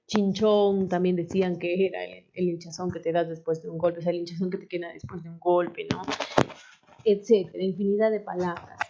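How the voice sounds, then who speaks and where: A woman's voice: fairly low pitch, little pitch movement, a little fast, vocal fry, mellow. A woman teacher, patiently explaining a lesson and checking in with the class with frequent tag questions. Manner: patient, asks questions and tags "¿no?" often. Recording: dull lo-fi recording.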